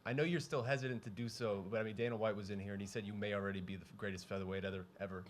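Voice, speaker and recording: A man's voice: lowish voice, steady tone, racing. A man working as a reporter, asking long, informally worded interview questions. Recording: some room noise behind.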